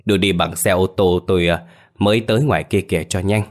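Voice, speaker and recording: Stern older exorcist, sighing, admonishing, low voice, as a man puts him on. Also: fairly even intonation, quick pace, natural voice. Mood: brisk. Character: older male exorcist master, calm and stern.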